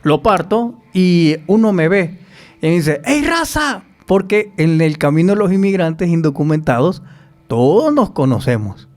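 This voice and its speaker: A man's voice: on the high side, moderate pace. A man telling stories as a podcast guest, acting out the voices of people he quotes. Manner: animated storyteller who acts out quoted voices. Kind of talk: storytelling in an interview.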